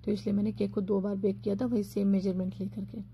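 A woman narrating her own cooking video as a voice-over, calmly explaining each step. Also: medium pitch, quick pace, slight background noise. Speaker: cooking vlogger.

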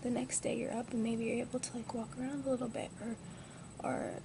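Groggy girl around 20 doing a casual vlog, lots of vocal fry, noisy webcam sound. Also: on the high side, little pitch movement, brisk. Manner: groggy, subdued. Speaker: vlogger. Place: lying in a hospital bed indoors. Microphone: built-in device mic at close range. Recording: noisy amateur webcam audio.

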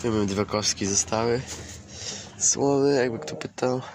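A man's voice: medium pitch, measured pace. Chatty man filming his hens outdoors. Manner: chatty, swears casually, coaxes and scolds his hens. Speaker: poultry keeper vlogger. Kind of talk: casual outdoor vlog. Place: outdoor farmyard with chickens. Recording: outdoor camera audio, clear farmyard noise. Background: clucking hens and a crowing rooster.

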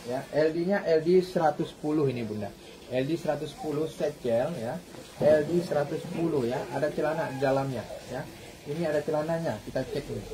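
A man's voice: a little high, a little fast, crowd noise, low-quality recording. A man in his thirties selling clothes on a live stream with repetitive, hawker-like calls, recorded on a phone in a shop. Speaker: live online clothing seller. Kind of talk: live sales pitch.

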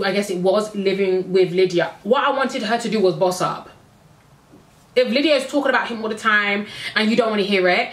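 A woman's voice: mid-range voice, a bit bright. Blunt woman with an echoey sound. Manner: blunt, opinionated, exasperated asides. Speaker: reality TV reviewer. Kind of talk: casual recap commentary. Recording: echoey room.

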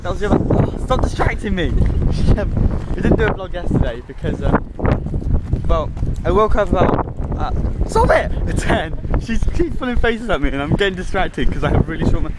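A young English man from Gloucestershire, with a light local accent, rambles through a casual vlog on a dark street at night, holding his phone at arm's length as loud wind buffets the mic. His fairly high voice swings widely in pitch and moves fairly quickly. He is chatty and giggly, easily losing his train of thought.

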